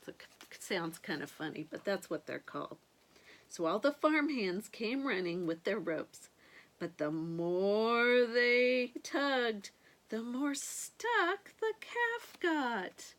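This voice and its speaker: A sweet, grandmotherly older woman reads a picture book aloud to children, expressively drawing out key words and adding gentle asides. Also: on the high side, expressive, slow pace. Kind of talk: animated read-aloud storytelling with asides to young listeners.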